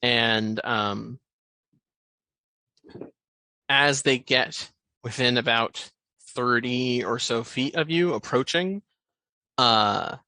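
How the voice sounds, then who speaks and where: A man runs a tabletop fantasy game as its narrator. His delivery is slow and deliberate with halting pauses, and his voice is bright and forward in a dry, close sound. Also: mid-range voice, dry recording, low-quality recording. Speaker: game master.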